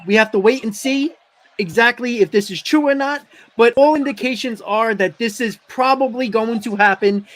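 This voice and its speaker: Male sports host, high voice, froggy congested throat, flu-stricken, casual fan talk. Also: fairly bright tone. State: sick with the flu.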